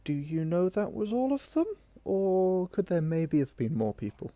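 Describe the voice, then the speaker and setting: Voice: mid-range voice, big pitch swings, moderate pace, dark tone, no room sound. A player talking casually in a tabletop role-playing game.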